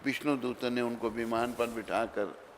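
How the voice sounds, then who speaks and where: A man preaching a sermon in Hindi, telling a story with dramatic swings between loud and soft and acting out the dialogue. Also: medium pitch, fairly even intonation, a little slow. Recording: reverberant hall with faint background noise.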